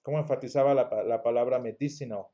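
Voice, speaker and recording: A man's voice: mid-range voice, quick pace, dark tone, highs cut off. A man teaching a Sunday school lesson, explaining patiently and asking the class rhetorical questions. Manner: restarts words often. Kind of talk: church Bible lesson.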